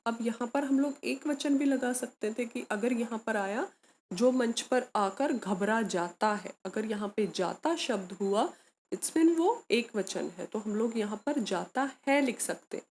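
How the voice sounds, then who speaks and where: A woman's voice: fairly high pitch, a little slow, a little mellow, slight background noise. A woman teaching a grammar lesson to students, explaining patiently, asking questions and answering them herself, and mixing in English words. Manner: calls students beta, mixes English words.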